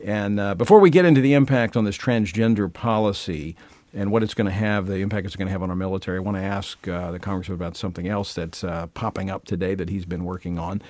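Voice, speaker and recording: A man from Louisiana hosting a talk radio show, chatting with many fillers and swinging between loud and soft delivery. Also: deep voice, fast talker, no room sound.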